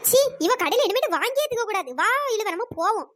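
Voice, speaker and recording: Squeaky, very high cartoon village women who bicker and scheme over snacks they won't pay for, all put on by one woman. They talk fast and teasing. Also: animated, a bit bright, no room sound. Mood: quarrelsome. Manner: teasing, quarrelsome village banter. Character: group of scheming village women customers, cheeky and loud. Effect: pitched-up voice. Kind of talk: cartoon voice acting.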